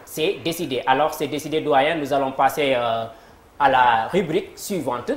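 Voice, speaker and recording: A man with a Senegalese French accent hosting a TV quiz show, lively and full of fillers as he speaks to viewers. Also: mid-range voice, moderate pace. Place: TV studio. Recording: roomy studio with faint noise.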